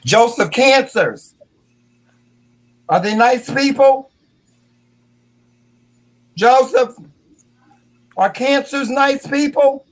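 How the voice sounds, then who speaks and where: A man in his fifties hosting a casual interview, animated and playful, calling his guest "child" and "honey". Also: extremely high pitch, extremely slow, long pauses, poor audio. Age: 50s. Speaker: host.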